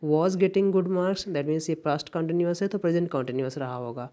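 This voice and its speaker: An Indian-accented man teaches English for competitive exams, explaining patiently and repeating key phrases. His voice is on the high side with a dark tone, and he speaks at a moderate pace.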